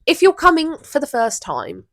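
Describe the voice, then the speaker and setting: A woman's voice: sits high, huge pitch swings, moderate pace, fairly bright tone, no room sound. A woman in her twenties with a Southern English accent, co-hosting a casual podcast chat, rambling and easily sidetracked. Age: 20s. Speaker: podcast co-host. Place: room with an open window.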